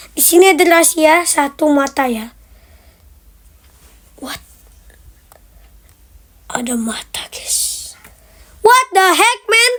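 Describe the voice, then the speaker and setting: High-voiced woman doing casual reaction commentary. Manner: short exclamations, often addressing the viewers. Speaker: reaction video host. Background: music.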